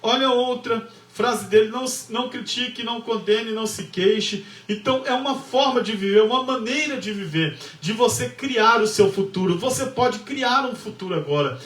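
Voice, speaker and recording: High-voiced preacher in an echoey room. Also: male voice, moderate pace, few pauses, a bit bright, far from the mic. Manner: emphatic storyteller, repeats phrases, acts out dialogue. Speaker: pastor and lecturer. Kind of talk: preaching lecture with storytelling.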